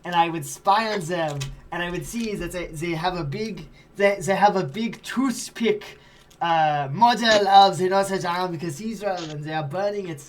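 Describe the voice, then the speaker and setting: A man's voice: high voice, a little slow. A man voicing a bigoted male spy in a put-on New York accent, rambling and conspiratorial.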